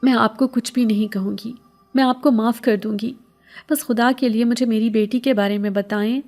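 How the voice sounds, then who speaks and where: A woman's voice: on the high side, steady tone, darkish tone, faint music behind, lightly acted. A woman voicing an anxious, grieving widowed mother who pleads tearfully for help. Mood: pleading.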